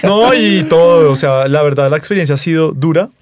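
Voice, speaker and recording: A man's voice: on the high side, fairly quick, no echo, studio quality. A man in his twenties with a Bogotá Colombian accent, telling a personal story in casual chat and swearing freely. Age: 20s.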